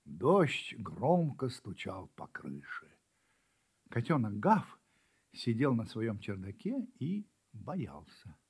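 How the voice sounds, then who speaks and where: Animated man reading a children's story. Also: on the low side, slow, slightly rough. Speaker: narrator.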